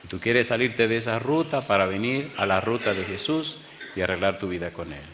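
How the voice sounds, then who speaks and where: A man preaching a sermon as a pastor, telling stories with bursts of excitement and hushed quiet moments before a live congregation. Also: lowish voice, fairly quick. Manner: animated storyteller, swings from excited outbursts to hushed tones. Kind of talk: sermon with storytelling. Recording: echoey hall, faint background noise.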